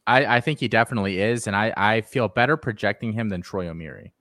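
A man's voice: lowish voice, quick pace, pushed and bright, dry recording, clean studio sound. A man hosting a podcast, confidently giving his picks in a casual sports analysis chat. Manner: confident, gives firm picks and advice. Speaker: podcast host.

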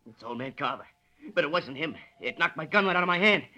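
An actor playing a brutal, surly henchman who spooks easily, talking rough and folksy in an old radio drama. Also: a little high, lively intonation, quick pace, pushed and bright. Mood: panicked. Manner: rough, folksy tough talk. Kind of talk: 1940s radio drama acting.

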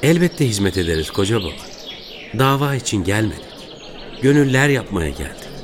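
An actor playing a humble, devout wandering dervish in a radio play, speaking respectfully. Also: male voice, on the low side, sing-song, fairly quick. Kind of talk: radio theatre acting.

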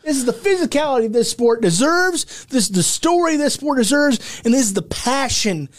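A man's voice: very high-pitched, animated, moderate pace. A man hosting a wrestling show, talking in emphatic, declamatory ringmaster style and repeating phrases for effect. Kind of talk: ringmaster-like hype commentary.

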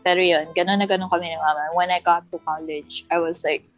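Young woman podcast cohost, lowish voice, chatty and laughing a lot, soft music under it. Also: flat delivery, fairly quick, rough recording. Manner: reminiscing, laughs often, mixes English into Tagalog. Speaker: podcast co-host. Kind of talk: casual chat.

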